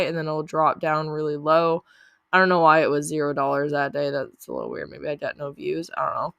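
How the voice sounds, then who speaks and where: A chatty young woman with a low, slightly bright voice walks through her channel earnings on a casual screen share, using lots of fillers like "like" and "um." A lingering cough remains from a recent illness, and the sound is dry with no room tone.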